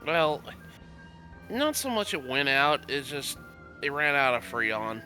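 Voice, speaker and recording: A man's voice: medium pitch, very animated, slow pace, sharp tone, faint music behind. A man with a stuffy nose from a cold, chatting hesitantly over voice chat from home and trailing off with fillers. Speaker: guest gamer. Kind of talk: casual voice-chat conversation.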